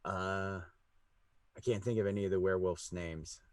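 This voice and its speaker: A man's voice: low-pitched, fairly even intonation, normal speed, no echo, clean studio sound. A man improvising narration as the game master of a tabletop game.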